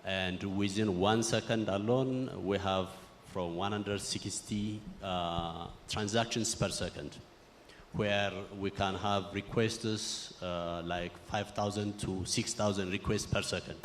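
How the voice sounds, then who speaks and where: A man's voice: deep voice, steady tone. A man from Ethiopia, speaking formally as a conference panelist. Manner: formal, measured, slightly halting. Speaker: panelist, bank security executive. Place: large conference hall. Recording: roomy hall echo, faint room noise.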